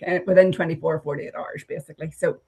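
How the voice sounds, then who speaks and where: Low-ish woman, chatty and self-deprecating. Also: fairly even intonation, fast talker, dark tone, slightly rough. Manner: self-deprecating, many fillers and restarts. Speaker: representative of a business agency. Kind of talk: online webinar presentation.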